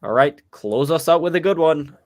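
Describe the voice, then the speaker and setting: Although he sounds ill and drained, a young man keeps his casual podcast running in a laid-back manner. His voice sits on the high side and is expressive, at a normal speed.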